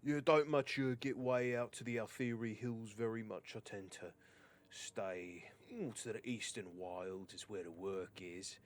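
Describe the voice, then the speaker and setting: A man's voice: lowish voice, fairly even intonation, measured pace, natural voice. A man voicing a stocky, wary dwarf mercenary who rambles and hedges. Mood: chatty. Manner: rambling, hesitant, guarded.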